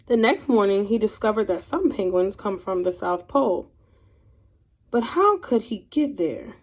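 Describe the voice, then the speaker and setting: Reading a children's storybook aloud to young pupils, a woman teacher speaks expressively in a medium-pitched voice. Her pace is a little slow, and her darkish tone carries a breathy edge.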